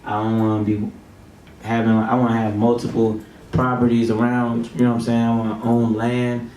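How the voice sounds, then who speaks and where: A man's voice: medium pitch, level tone, moderate pace, darkish tone. A man in his twenties, a guest, speaking in a laid-back, slangy and earnest way. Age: 20s. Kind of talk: casual chat. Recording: roomy, distant mic, faint noise.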